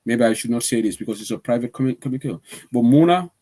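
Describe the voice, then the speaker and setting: A man's voice: mid-range voice, rapid-fire. Gambian man hosting a chatty talk show. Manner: animated, laughs often, switches between English and Mandinka. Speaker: current affairs show host. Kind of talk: casual talk show monologue.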